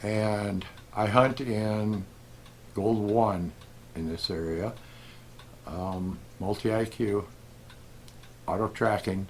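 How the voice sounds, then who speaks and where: A middle-aged man telling a story in a casual, rambling way, full of fillers and soft chuckles, as a gold prospecting vlogger. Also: fairly low pitch, fairly even intonation, slow pace, long pauses, a little hiss or hum. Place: outdoors at a desert detecting spot.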